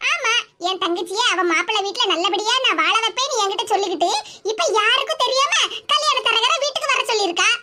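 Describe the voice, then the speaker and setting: A woman acts out a fiery old cartoon mother who scolds and accuses with sarcasm, in a Tirunelveli Tamil accent. Her voice is very high and fast, with a noisy hiss behind it. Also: animated, pushed and bright, heavily acted. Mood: angry scolding.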